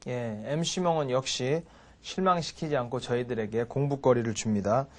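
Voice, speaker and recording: A middle-aged man teaching English in an online lecture, explaining and slowly repeating example sentences. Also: medium pitch.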